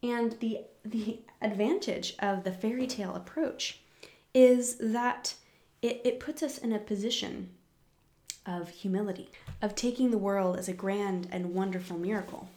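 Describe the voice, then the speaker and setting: A woman leads a book discussion, reading short passages aloud and then unpacking them. She speaks in a measured, reflective way, with gentle asides and the odd "um". Her voice sits at an ordinary middle pitch for a woman. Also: steady tone. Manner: thoughtful, measured, with asides and fillers. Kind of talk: reading aloud and explaining a text.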